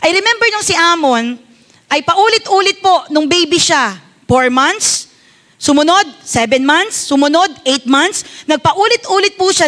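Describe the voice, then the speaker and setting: A Filipino woman pastor delivers a sermon in a high, light voice. She speaks politely and tells a personal story as a mother, often turning to her congregation for an amen or a nod of agreement. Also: fairly bright tone. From Philippines.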